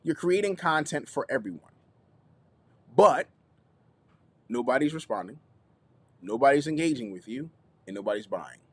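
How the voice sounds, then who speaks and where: Male content coach, live stream host, energetic and repetitive, talks straight to the audience. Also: medium pitch, normal speed, long pauses, no room sound. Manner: animated, repeats phrases, checks in with viewers. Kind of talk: YouTube live teaching session.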